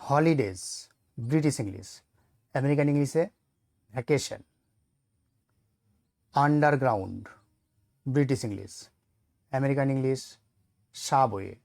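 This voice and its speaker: A man's voice: medium pitch, a little slow, gravelly, pauses often, dry recording, clean studio sound. Patient male English teacher. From Bengal. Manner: patient, lists word pairs in a steady teaching rhythm. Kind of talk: vocabulary lesson for learners.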